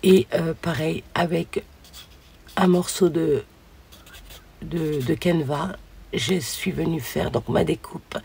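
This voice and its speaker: A hoarse woman hosting a casual crafting video, chatting along with many fillers as she shows her pieces. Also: low voice, takes it slowly, pauses often, darkish tone.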